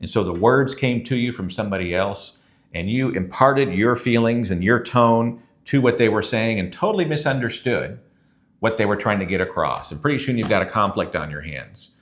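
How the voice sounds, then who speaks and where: Earnest low-voiced male pastor. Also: lively intonation, moderate pace. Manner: conversational, earnest, reads scripture aloud. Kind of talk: recorded sermon teaching.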